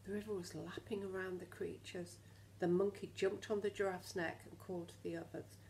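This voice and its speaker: A teacher briskly reads a picture book to young children, her fairly low voice carrying a creaky edge. She reads expressively and often stops to ask the kids questions directly, with a faint layer of noise in the background.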